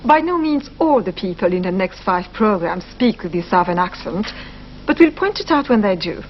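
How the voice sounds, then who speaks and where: A woman's voice: mid-range voice, sing-song, moderate pace. A woman presenting a language course, carefully explaining and repeating phrases for learners. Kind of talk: scripted educational narration. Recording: slightly muffled broadcast audio, faint hiss.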